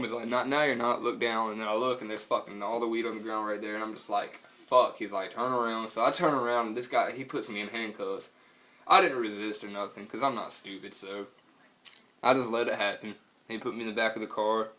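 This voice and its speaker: Young Southern man telling stories, slightly low voice. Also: bright, forceful tone. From North Carolina, US. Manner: profane, slangy, rambling. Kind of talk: casual storytelling.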